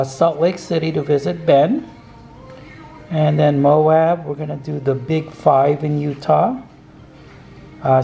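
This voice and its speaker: Talking to a camera placed across his dining room table, an older man plans out an RV road trip in a casual, opinionated way, speaking slowly and chuckling occasionally as an RV travel vlogger. His voice is a little high, gravelly, and warm. The recording is rough and reverberant.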